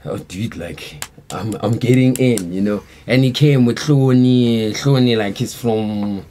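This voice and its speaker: In an unhurried, mellow, lowish voice, a South African band member tells a lengthy tale. He rambles in a relaxed way, leaning on slang fillers throughout this casual storytelling interview.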